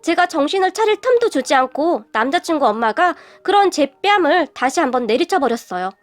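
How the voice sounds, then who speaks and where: A young woman narrating a scripted first-person story in a steady, confessional way. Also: sits high, a little fast. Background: faint music.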